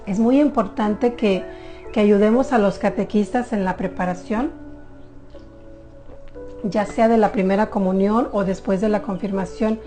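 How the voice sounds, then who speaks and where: A woman, a mother giving an earnest personal testimony on religious radio, telling her story haltingly with frequent restarts. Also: medium pitch, fairly even intonation, mellow, soft background music.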